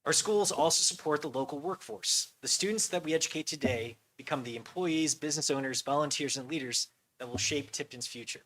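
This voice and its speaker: A man giving an earnest, measured presentation to a school board, with occasional ums. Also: fairly high pitch, a bit bright, rough recording. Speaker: school finance official.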